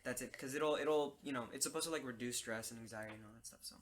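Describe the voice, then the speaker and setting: A young man co-hosting a casual podcast, talking quickly and correcting himself as he goes. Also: mid-range voice, fairly bright tone, slight background noise. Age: young adult. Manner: quick, self-correcting talker. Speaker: podcast co-host. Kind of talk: casual chat.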